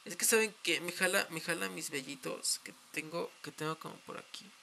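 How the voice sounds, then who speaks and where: Bright-voiced Mexican streamer, playful. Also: male voice, a little high, brisk, vocal fry. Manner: playful, dramatic, shrieks and swears often. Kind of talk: casual live stream chat.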